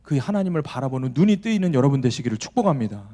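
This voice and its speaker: A man's voice: mid-range voice, very animated, very fast, dark tone. A male pastor preaching a sermon, telling stories and acting out the voices in them. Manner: storytelling, acting out the voices in his anecdotes. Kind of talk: sermon to a young adults' service.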